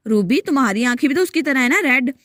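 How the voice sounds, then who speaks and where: A woman's voice: high-pitched, animated, quick pace, a bit bright, no echo, studio quality. A woman doing a flustered young sidekick.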